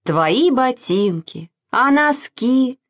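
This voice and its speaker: A woman doing a gently scolding mother. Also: fairly high pitch, lively intonation, extremely slow, voice pushed up, full character voice. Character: patient mother, mildly scolding.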